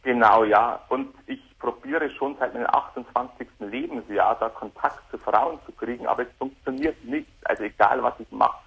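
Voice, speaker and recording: A man in his thirties calling in on a speakerphone headset, talking in a hesitant, halting way over a dull phone line. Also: medium pitch, vocal fry, a bit bright, breathy edge. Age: 30s. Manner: hesitant, halting, repeats words. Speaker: caller. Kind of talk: call-in radio conversation.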